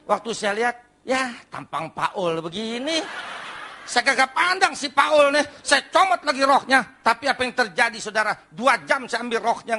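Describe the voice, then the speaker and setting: Older guy, preaching his life story, high and bright, acts out the scenes, gets loud fast. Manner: animated storytelling, acts out his past self with sudden loud outbursts. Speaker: preacher giving testimony. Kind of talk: testimony sermon.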